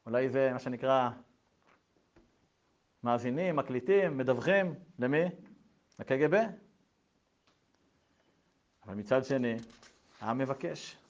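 A man preaching a sermon, telling a story in a lively way with colloquial asides. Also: medium pitch, long pauses, highs cut off.

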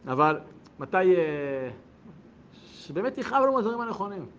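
Male teacher, high voice, lively rhetorical style with quiet asides and loud bursts, slightly dull recording. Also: a little hiss or hum. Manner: animated, rhetorical questions, swings between hushed asides and loud bursts. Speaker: rabbi teaching a class. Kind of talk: Torah lesson to a group.

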